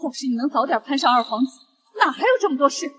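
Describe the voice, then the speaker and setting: A woman's voice: high-pitched, fast talker, fairly bright tone, rough recording. An actress playing a scheming, vicious middle-aged stepmother of a noble house in a theatrical costume drama. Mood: impatient. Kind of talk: Chinese costume short-drama acting.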